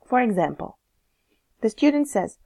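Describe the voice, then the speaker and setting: A woman with a Croatian accent, a teacher trainer giving measured, scripted narration that explains how to correct students. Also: on the high side, very animated, vocal fry, mellow. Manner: measured, explanatory, reads examples aloud.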